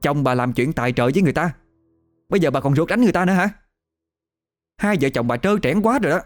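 A sharp-tongued young village wife, put on by a man with a Southern Vietnamese accent, scolding in rapid, mocking bursts. The voice sits high and leaps around, with faint music under the storytelling. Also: animated, natural voice. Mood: scornful scolding.

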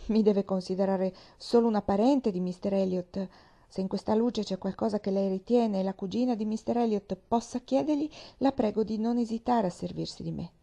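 A woman reading the part of Anne Elliot, a reserved young woman who speaks in an earnest, measured way. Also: medium pitch, creaky, warm tone.

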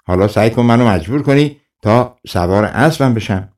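A man voicing a proud, quick-tempered ruler in a folk tale audiobook, speaking haughtily and irritably. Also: on the low side, lively intonation, a little mellow, natural voice. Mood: haughty.

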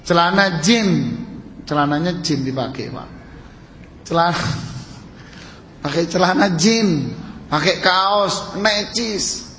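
Male preacher, slightly high voice, sermon with rhetorical questions; reverberant hall, faint background noise. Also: a bit bright. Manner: storytelling, rhetorical questions, addresses listeners as sir. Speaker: Islamic preacher.

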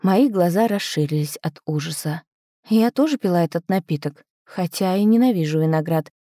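A woman narrating a first-person audiobook story expressively, with her pitch swinging up on lively moments. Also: normal speed, no echo, studio quality.

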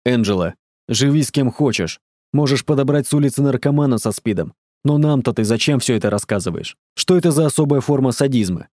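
Male reader as an annoyed audiobook father, stern and sarcastic, dark voice, dry close mic. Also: medium pitch, lively intonation, a little fast, dry recording, natural voice. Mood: irritated. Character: irritated middle-aged father, stern and sarcastic.

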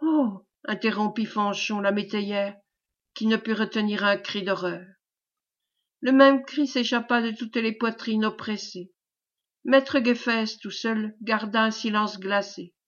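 A woman reading a classic novel aloud as an audiobook, in a measured, clear way. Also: medium pitch, steady tone, a bit bright. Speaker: audiobook reader. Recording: dull lo-fi recording.

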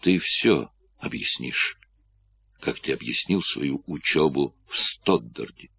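A man voicing a young woman who answers her lover quietly, coldly and with contempt in an audiobook reading. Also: a bass voice, expressive, slow pace, vocal fry, slightly rough, no room sound, pitched below the performer's own voice, exaggerated voice. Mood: icy contempt.

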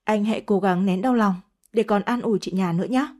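A woman voicing a male doctor giving formal, gentle condolences. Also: medium pitch, fairly quick, close to an everyday voice. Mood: solemn. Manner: formal, consoling.

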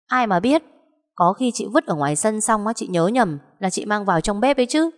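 A woman voicing a spoiled, sly teenage younger sister who talks in a shrill, bossy, whiny way, with a long echoing reverb. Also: lively intonation, a little fast, lightly acted.

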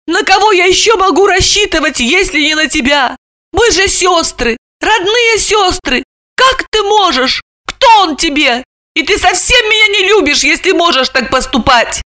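A woman's voice: sing-song, normal speed, pushed and bright. A woman voicing a distraught, jealous young woman who sobs and accuses her sister in an audiobook. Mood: hysterical accusing. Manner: tearful, accusing, shrill outbursts. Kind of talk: audiobook character voice.

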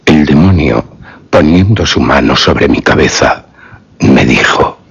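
A man narrating a story in a measured, solemn way. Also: very deep voice, animated, gravelly, breathy edge, highs cut off.

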